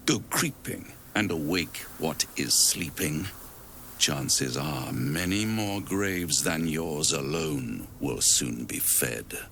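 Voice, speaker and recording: Game devil: suave, smug, grandly theatrical menace; bright, forceful edge, unhurried delivery. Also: male voice, very deep voice, creaky, slight background noise, full character voice. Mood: foreboding. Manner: theatrical, ornate, rhyming, relishing each word. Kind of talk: dramatic video game voice acting.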